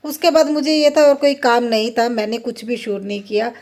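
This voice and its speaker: A middle-aged woman, speaking in a fairly high voice. She tells her story to viewers in a chatty, mock-indignant way and breaks into laughter easily. Her tone is that of a casual home vlog. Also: fairly even intonation, brisk, darkish tone. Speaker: family vlogger.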